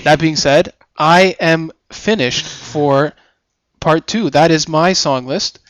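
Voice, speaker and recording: A man's voice: a little high, slow pace, fairly bright tone, no echo, low-quality recording. A man co-hosting a casual podcast-style radio show, talking in a laid-back, rambling, joking way.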